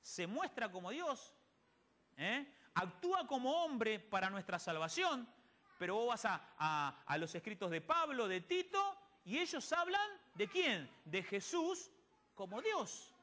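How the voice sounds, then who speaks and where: Man preaching, high lively voice. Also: a little slow. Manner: asks the audience rhetorical questions and answers them; quotes others in conversation. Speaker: church speaker. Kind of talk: sermon-style Bible teaching to a congregation. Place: church.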